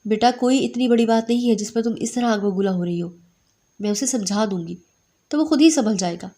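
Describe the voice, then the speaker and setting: A woman's voice: on the high side, mellow, lightly acted. A woman voicing a caring middle-aged mother who is soothing but stern.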